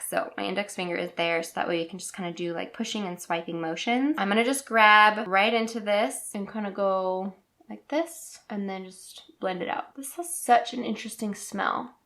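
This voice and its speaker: Brief: upbeat, chatty woman beauty vlogger, mid-pitched voice, talks through her makeup steps. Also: fairly bright tone. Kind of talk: casual makeup tutorial chat.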